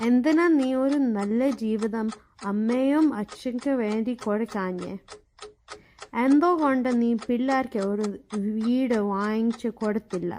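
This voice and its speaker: A woman asking a rapid string of nagging questions in a scripted voice-over. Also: a little high, darkish tone, a little hiss or hum.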